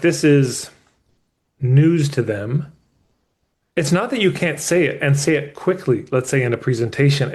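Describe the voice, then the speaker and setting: Candid male coach in live session. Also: mid-range voice. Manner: candid, emphatic, with casual swearing; restarts mid-thought as he explains. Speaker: business coach.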